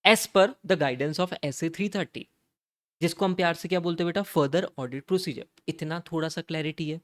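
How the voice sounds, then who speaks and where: A man's voice: a little high, steady tone, moderate pace, a bit bright, no echo. Man, exam lecture, playful coaxing teacher, dry close sound. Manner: chatty, asks and answers his own questions; calls students "beta" and "bhai", coaxing and playful. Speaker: audit teacher. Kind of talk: Hindi-English exam-prep lecture.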